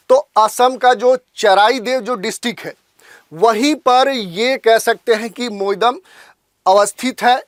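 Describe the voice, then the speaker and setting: Steady exam-prep lecturer, dry sound. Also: medium pitch, dry recording. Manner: steady and repetitive, often restating points with filler phrases. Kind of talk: explanatory lecture.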